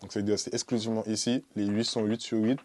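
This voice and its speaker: A young music artist from the French Antilles, born in Guadeloupe and having lived in Martinique and French Guiana, gives a casual interview to camera in a small, dark indoor studio. He talks fast in slang, his voice lowish with little pitch movement, peppering his speech with "tu vois" and shout-outs.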